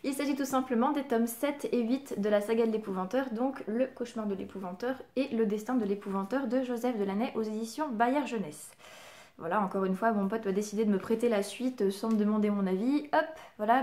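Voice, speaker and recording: A woman's voice: on the high side, darkish tone. A woman casually chatting through a book haul, enthusiastic and full of hesitations and little fillers. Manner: enthusiastic, giggly. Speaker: book vlogger.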